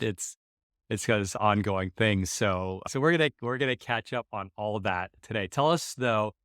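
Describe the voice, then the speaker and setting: An American man hosts a podcast, talking in a loose, animated, rambling way and dropping the odd swear word. His voice sits somewhat low for a man. The sound is close and dry, with no room around it. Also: no room sound. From United States. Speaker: podcast host. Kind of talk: casual conversation.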